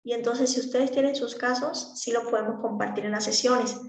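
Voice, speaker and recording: A woman's voice: a little high, fairly even intonation, moderate pace, creaky, roomy sound. A woman teaching speech therapy to a class, explaining practically with examples. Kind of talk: online class lecture.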